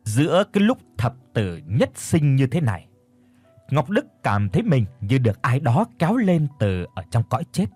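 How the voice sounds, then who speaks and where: A man narrating a ghost story in a suspenseful, expressive way. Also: mid-range voice, normal speed, husky, dry recording, faint music behind.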